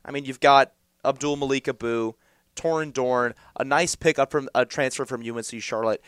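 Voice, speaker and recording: A young man co-hosting a college sports talk show, rambling and animated in his takes. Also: mid-range voice, normal speed, clear, resonant tone, dry recording, studio quality. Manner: rambling, animated, with fillers and restarts. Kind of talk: college sports podcast chat.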